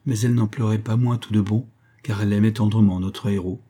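A man narrating a classic novel for an audiobook at a measured, even storytelling pace. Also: fairly low pitch.

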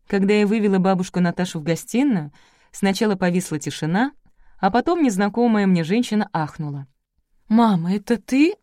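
A woman narrating a first-person audiobook in a lively, wry storytelling manner. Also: medium pitch, a little fast, dry recording, studio quality.

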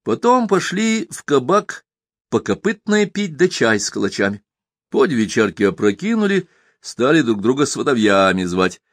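A man narrating a literary story in a measured, expressive storytelling manner. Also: medium pitch, dry recording, clean studio sound. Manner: measured storyteller, lively intonation. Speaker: audiobook narrator.

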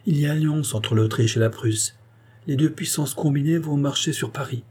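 A man's voice: a little high, normal speed, a little mellow, husky, voice pushed up. A man reading an audiobook voices a proud, anguished queen, speaking in a dignified, bitter, commanding way. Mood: resolute. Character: proud anguished queen, woman, middle-aged. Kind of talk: audiobook character voice.

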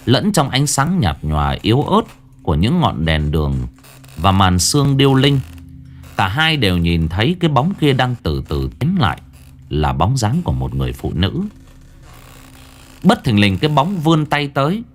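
A man narrating a scripted horror story, dramatic and hushed at tense moments. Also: lowish voice.

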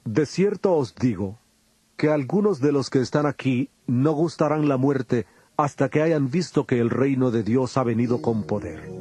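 A man's voice: medium pitch, normal speed, warm tone, slightly rough, close to an everyday voice. A man playing Jesus as an authoritative, emphatic teacher in a solemn dramatized audio Bible. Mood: solemn, exhorting. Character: Jesus, authoritative adult male teacher rebuking and instructing. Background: prominent music.

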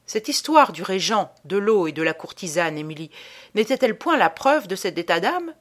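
A woman narrating an audiobook with expressive, strongly emphasized reading. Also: medium pitch, normal speed. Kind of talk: scripted narration.

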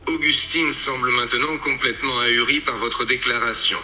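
A synthetic male voice narrating an interactive story game in a calm, even storytelling manner. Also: medium pitch, normal speed, soft background music. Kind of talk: computer-read story narration.

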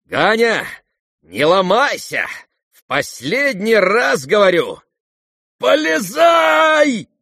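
A pushy hanger-on, as a male narrator puts him on screeches in very high, frantic yells. Some words stretch out into long, shrill cries in this audiobook scene. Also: big pitch swings, very slow, long pauses, no echo, clean studio sound, exaggerated voice.

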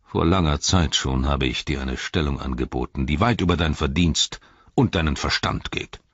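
A man's voice: extremely low pitch, moderate pace, husky, no echo, highs cut off. An older-sounding man voicing a scheming old male wizard, honeyed one moment and sneering the next. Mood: scornful. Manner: honeyed, then sneering and venomous.

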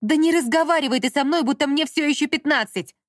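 A woman's voice: sits high, normal speed, dry recording, voice pushed up, natural voice. A woman voicing a defiant twenty-one-year-old woman who raises her voice and pushes back, in a dry audiobook reading. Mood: indignant. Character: defiant young woman of 21, fed up.

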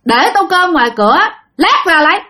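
A woman's voice: very high-pitched, sing-song, a little fast, pushed and bright, pitched above the performer's own voice, heavily acted. A woman voicing a young man who answers in a strange, clipped, cold way. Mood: curt, eerie.

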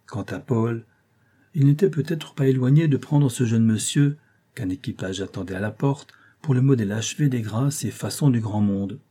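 A man narrating a novel as an audiobook in a measured, expressive manner. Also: medium pitch. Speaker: audiobook reader.

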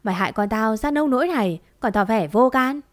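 A woman voicing an older mother who is grieving and vengeful, with a shrill, accusing, wailing delivery. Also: animated, fairly quick, no room sound, clean studio sound, close to an everyday voice. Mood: furious.

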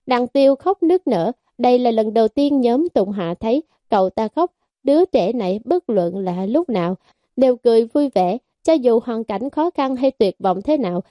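A woman giving steady, scripted audiobook narration of a fantasy novel. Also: fairly high pitch, no room sound, studio quality. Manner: steady storytelling.

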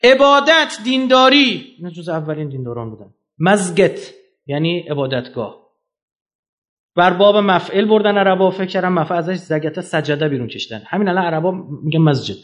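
A man giving a lecture to an audience, emphatic, firing off rhetorical questions and swinging his pitch up and down. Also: animated, fairly bright tone.

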